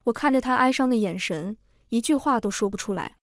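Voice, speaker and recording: A woman reads a first-person story aloud in a steady, even way. Her voice is fairly high. The recording is dry and close, with no room sound. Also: brisk, no echo.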